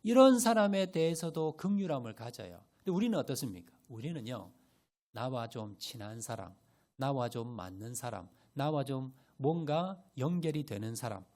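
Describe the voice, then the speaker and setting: A man's voice: medium pitch, normal speed. A male pastor preaching a Sunday sermon, often asking the congregation questions and answering them himself. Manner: animated, rising and falling emphasis. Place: church sanctuary.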